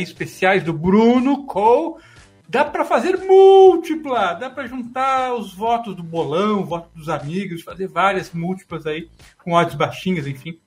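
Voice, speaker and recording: A man's voice: high voice, a bit bright. A man with a Brazilian Portuguese accent hosting a casual betting podcast. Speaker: podcast host.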